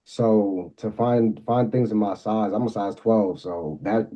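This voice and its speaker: A man's voice: fairly low pitch, fairly even intonation, a little slow, warm tone, muffled recording. A young man from Maryland, a guest rapper talking in a laid-back, slangy, rambling way with lots of fillers. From Maryland, USA. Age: young adult. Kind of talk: casual interview.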